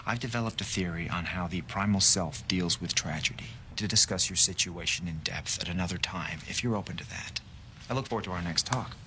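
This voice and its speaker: An actor playing a smooth, manipulative, charismatic speaker in a TV drama scene. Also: male voice, low-pitched, brisk, bright, forceful tone, slight background noise. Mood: persuasive. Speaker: TV drama character.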